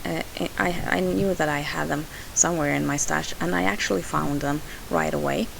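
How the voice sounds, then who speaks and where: Hosting a scrapbooking video, a woman from Sweden talks through the process in a Swedish-accented voice-over. Her voice is low and creaky, with a steady tone and normal speed, and she hesitates often, restarting and saying "uh." The home recording is hissy and low in quality.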